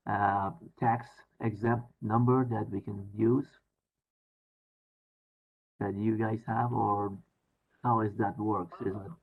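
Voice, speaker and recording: Gravelly man on a dull conference call. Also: on the low side, level tone, takes it slowly, pauses often. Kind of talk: informal meeting talk on a group conference call.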